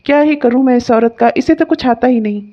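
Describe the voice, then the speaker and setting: Brief: sneering cartoon husband, a woman plays him fairly high-voiced, lo-fi dull sound. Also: brisk, close to an everyday voice. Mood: mocking, scornful. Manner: mocking, complaining; obsequious on the phone. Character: rude grown son, dismissive to his wife. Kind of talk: cartoon comedy voice acting.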